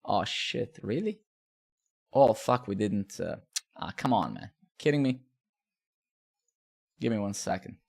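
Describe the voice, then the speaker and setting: A man's voice: on the low side, lively intonation, unhurried, vocal fry, pauses often. A man in his thirties from Serbia, chatting casually with viewers while live coding, rambling with fillers, swearing and asking "right?". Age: 30s.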